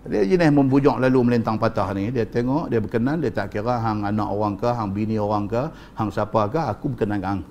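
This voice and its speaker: Animated northern Malay preacher. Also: male voice, on the low side, quick pace, hardly any pauses, a little hiss or hum. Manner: animated storytelling, addresses the audience, repeats for emphasis. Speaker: Islamic preacher. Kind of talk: religious lecture.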